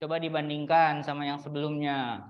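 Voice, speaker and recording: A young woman teaching an English class in a classroom, chatty and teasing, slowing down to model example sentences. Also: low voice, steady tone, muffled recording. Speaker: university English lecturer. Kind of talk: classroom lecture.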